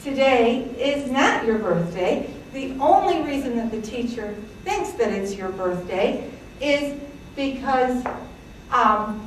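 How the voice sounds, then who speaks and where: A Greek woman in her sixties presents her family's immigrant history to an audience, chatty, with fillers and little laughs. Her fairly high voice has lively intonation and a slow pace, with a little hiss or hum. The recording was made from a distance in an echoey hall.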